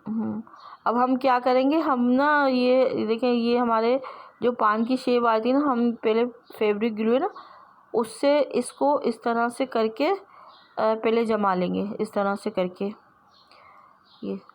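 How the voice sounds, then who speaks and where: Lady sewing teacher, kinda high voice, slow patient how-to talk, lots of repeating. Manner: patient, repetitive step-by-step explaining. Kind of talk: step-by-step sewing tutorial.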